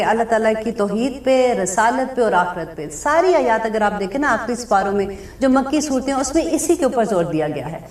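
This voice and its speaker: A woman giving a religious lecture, explaining scripture verse by verse and translating each phrase slowly, with everyday examples. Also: on the high side, a little mellow, echoey room, distant mic. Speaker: Islamic speaker. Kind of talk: religious lecture with Quran commentary.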